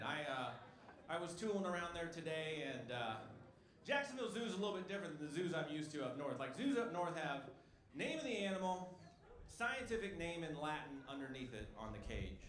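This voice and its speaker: A man's voice: a little high, big pitch swings, fairly quick. A male stand-up comedian doing a punchy, wry set, talking to the crowd from a club stage on a handheld mic. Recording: echoey club with loud crowd noise.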